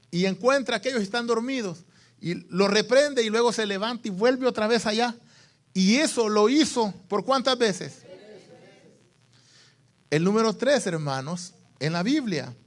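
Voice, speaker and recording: High-voiced Latin American preacher man. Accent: Latin American Spanish. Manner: preaching with loud rises and hushed drops, calling to the congregation. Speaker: pastor. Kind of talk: sermon. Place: church.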